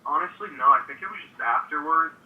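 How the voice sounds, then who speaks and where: A male caller talks in a relaxed, rambling way and leans on fillers. The sound is thin and phone-like, with a roomy echo that puts him at a distance. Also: on the high side, fast. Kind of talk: casual phone call-in chat. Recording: tinny echoey phone line.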